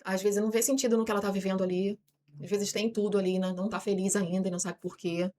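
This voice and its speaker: Brazilian woman guest on a podcast, talks super fast, acts out people's thoughts. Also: medium pitch, slight background noise. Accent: Brazilian Portuguese. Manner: lively, voices imagined people's thoughts. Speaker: guest on self-knowledge podcast. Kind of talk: explanatory podcast talk.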